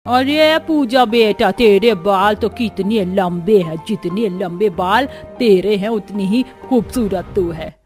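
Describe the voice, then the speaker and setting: A woman voicing a chatty, effusive middle-aged aunt who gushes slowly. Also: mid-range voice, darkish tone, soft background music, natural voice. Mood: gushing.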